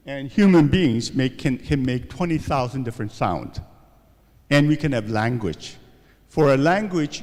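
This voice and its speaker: In a large hall, a man with a mid-range, slightly mellow voice gives a university seminar lecture. He poses rhetorical questions and keeps checking in with "okay?" and "right?".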